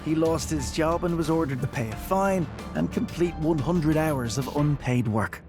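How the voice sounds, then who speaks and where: A man narrates a television documentary from a script. His voice sits a little high for a man. Music plays clearly underneath him. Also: normal speed.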